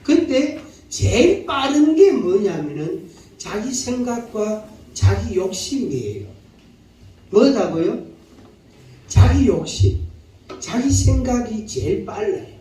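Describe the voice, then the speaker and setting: Animated Daegu-dialect pastor preaching in an echoey hall. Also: male voice, sits high, takes it slowly, long pauses, far from the mic, a little hiss or hum. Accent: Gyeongsang (Daegu) dialect. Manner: animated preaching, repeating lines and calling for the congregation to repeat. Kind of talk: sermon.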